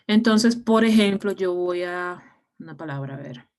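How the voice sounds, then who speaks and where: A woman's voice: lowish voice, expressive, unhurried, a little mellow. A woman English teacher explaining step by step in an online class, with frequent fillers and restarts.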